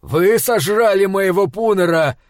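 A man voicing a greedy, cunning frog-like male wizard who shouts in a shrill, raised voice. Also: expressive, slow, no echo, clean studio sound. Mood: indignant.

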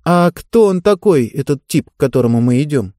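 A curious, anxious young girl on a journey, firing off quick, eager questions, as a male reader puts her on. Her voice is pitched up from his own, warm and mellow. It sits close and dry on the mic. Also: expressive, no echo, natural voice.

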